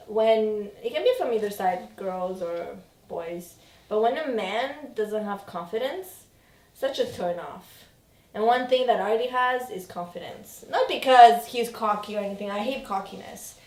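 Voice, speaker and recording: Woman vlogger, unhurried giggly chat, distant echoey room sound. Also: fairly high pitch, lively intonation, a little mellow. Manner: giggly, teasing. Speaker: vlogger host. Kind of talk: casual couple chat. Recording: roomy sound from off-mic.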